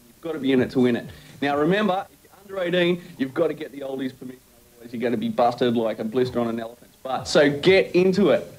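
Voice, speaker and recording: A man's voice: on the high side, darkish tone, low-quality recording. A man co-hosting a TV show, reading an upbeat competition promo with punchy slang. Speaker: TV show co-host.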